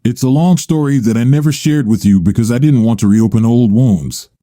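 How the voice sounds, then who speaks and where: A man narrating a first-person story and reading every character's lines in much the same even voice. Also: medium pitch, brisk, no room sound, clean studio sound.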